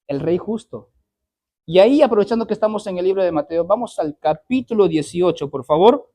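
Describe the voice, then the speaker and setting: High-voiced man preaching a sermon. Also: animated, a little fast. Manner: preaches with rising loud emphasis, frequent throat clearing; asks congregation questions. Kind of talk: sermon reading scripture aloud.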